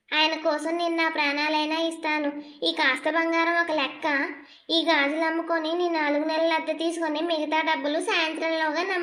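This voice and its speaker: A woman's voice: high-pitched, a bit bright, roomy sound. A woman voicing a fierce, loyal young village wife in a cartoon, defiant and commanding. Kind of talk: animated cartoon voice acting.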